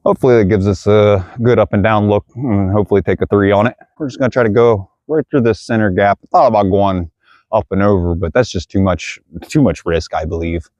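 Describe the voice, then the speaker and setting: A lower-voiced man talks his way through a round of disc golf outside, slightly out of breath from the hills. He keeps up a casual running commentary to his viewers, and the sound is dry and close with hardly any reverb. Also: a little fast, darkish tone, muffled recording. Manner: chatty, addresses viewers as guys. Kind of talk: casual play-by-play narration. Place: outdoor wooded disc golf course.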